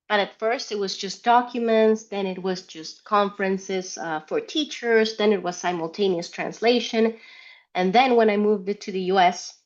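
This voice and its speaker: Woman presenter from Colombia, mid-pitched, conversational trainer, candid asides, dull online audio. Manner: chatty and candid, with rhetorical questions and quoted asides. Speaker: interpreter leading a training workshop.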